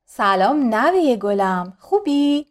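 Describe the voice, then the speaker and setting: A woman's voice: on the high side, very animated. A woman doing a kindly old grandfather millipede. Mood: teasing.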